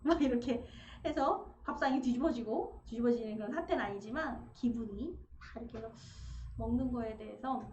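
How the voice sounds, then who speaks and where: A woman delivers a sermon in a high, bright-pitched voice, acting out everyday family conversations as she tells her stories. Her voice rings through a reverberant church sanctuary, and the livestream sound is slightly dull. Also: slight background noise. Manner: animated storytelling, acting out family dialogue. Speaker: preacher.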